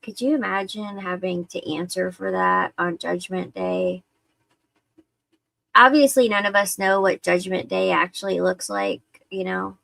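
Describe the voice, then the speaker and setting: Woman streamer, slow rambling delivery, some vocal fry, dry close sound. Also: medium pitch, pushed and bright, no echo. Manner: rambling, conversational, with many fillers. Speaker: livestream host. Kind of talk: casual livestream chat.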